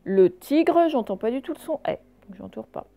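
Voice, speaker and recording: A woman teacher going carefully through reading exercises for young pupils, saying each word clearly before explaining it. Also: a little high, lively intonation, moderate pace, warm tone. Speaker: primary school teacher.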